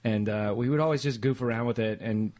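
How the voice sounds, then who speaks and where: A man's voice: medium pitch, brisk, darkish tone. A man as a podcast guest, talking in an easygoing way with dry quips. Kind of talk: casual interview chat.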